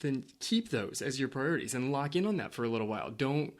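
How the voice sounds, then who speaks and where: A man co-hosting a running podcast in a relaxed, loose casual chat, often repeating words. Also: mid-range voice, fairly quick. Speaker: podcast co-host.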